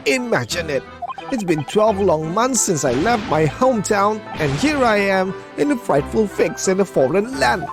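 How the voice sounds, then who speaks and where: A woman's voice: expressive, moderate pace, lightly acted. A woman doing a theatrical young male poet. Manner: grandiose, alliterative, lurching pitch leaps. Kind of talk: reading a game script aloud. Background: game music.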